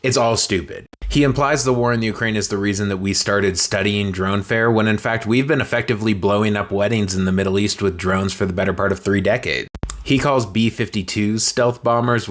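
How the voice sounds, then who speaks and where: A man giving a casual, sarcastic and blunt recap of a political meeting, speaking straight to his viewers. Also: on the low side. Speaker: political commentator. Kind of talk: casual commentary video.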